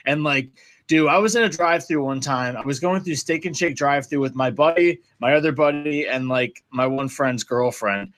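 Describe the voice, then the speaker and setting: A man's voice: mid-range voice, moderate pace, a bit bright. A man hosting a casual podcast, rambling through stories with lots of "like", laughing and swearing casually. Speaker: podcast host.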